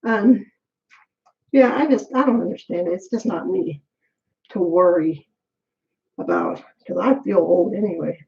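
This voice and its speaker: Slightly slow and gravelly, with long pauses, a middle-aged woman's lowish voice rambles candidly as she braids her hair on camera, breathless and talking to herself. The highs are cut off.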